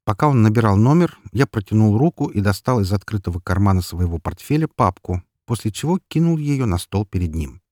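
A man narrating an audiobook in the first person, with even, wry storytelling. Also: on the low side, dry recording, clean studio sound.

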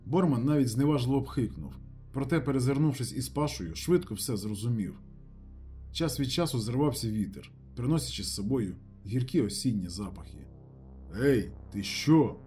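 A man narrating a literary audiobook in a lively, expressive reading. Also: medium pitch, brisk, faint music behind.

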